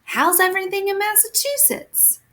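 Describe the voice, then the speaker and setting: A woman voicing a homesick, excitable young boy in a read-aloud storybook. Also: very high-pitched, normal speed, pitched above the performer's own voice, exaggerated voice. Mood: eager.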